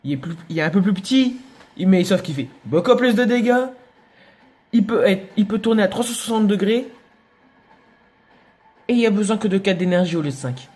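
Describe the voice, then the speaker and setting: Young guy yelling over his game, high voice that jumps all over. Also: a little fast, long pauses. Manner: excitable, shouts and yelps at enemies, laughs often. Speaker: gaming youtuber. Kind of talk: let's play commentary.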